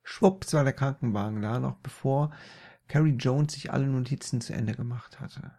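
A man narrating a comic story in a deadpan, unhurried way, often correcting himself mid-word. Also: medium pitch, creaky.

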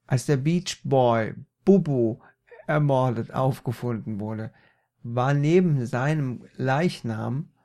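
Slow, gravelly male storyteller. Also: mid-range voice. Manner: deadpan, unhurried, with slips and self-corrections. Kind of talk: comic improvised storytelling.

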